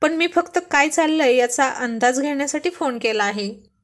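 A calm young groom who reassures his friends in an easy, relaxed way, as a woman storyteller plays him. His voice is pitched a little high and stays unhurried in this told story.

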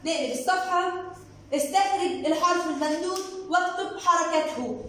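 A woman with an Egyptian Arabic accent teaching a children's lesson. She reads words in slow, drawn-out syllables and encourages her pupils by speaking to them directly. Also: very high-pitched, a bit bright, very echoey, recorded from a distance, slight background noise. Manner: slow drawn-out word readings, sing-song syllables. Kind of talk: children's lesson, explaining workbook exercises.

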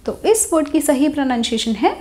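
A young woman runs a pronunciation lesson, mixing Hindi and English as she explains. Her voice sits high and moves a lot, rising and falling as she teaches. She repeats each target word slowly and clearly. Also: sing-song, darkish tone.

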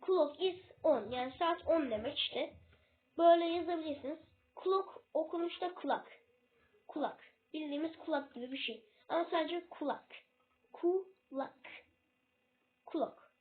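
A woman with a high voice explains English words in a casual video lesson. She hesitates and keeps losing her place, stopping to correct herself. Her voice comes through a thin, tinny, phone-like recording. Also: normal speed. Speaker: self-made English tutor.

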